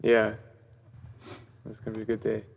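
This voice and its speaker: A man's voice: lowish voice, monotone, moderate pace, creaky. A man from Canada guest-hosting a podcast, chatting in an easygoing, upbeat way. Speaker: guest host. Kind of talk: casual chat.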